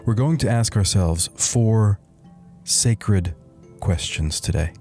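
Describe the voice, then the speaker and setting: Speaking on the low side, a man voices a weary, wry middle-aged slacker-turned-meditation-guru in a satirical guided meditation. The mood is calm and deadpan, his soothing lines spaced with deliberate pauses over soft background music.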